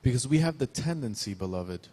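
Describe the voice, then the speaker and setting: A man's voice: mid-range voice, animated, normal speed, warm tone, breathy edge. A man interpreting a sermon live, phrase by phrase, with occasional restarts.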